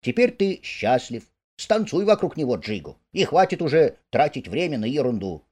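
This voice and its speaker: A man's voice: mid-range voice, very animated, moderate pace, darkish tone, voice pushed up. A man voicing a fussy, plaintive male mole who complains and quibbles in a storybook reading. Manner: whiny, pedantic complaining.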